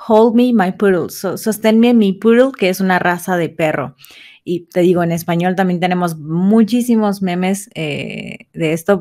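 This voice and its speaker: A woman teaching English vocabulary. She says each English example slowly twice and then translates it. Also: lowish voice, a little mellow. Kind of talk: vocabulary lesson.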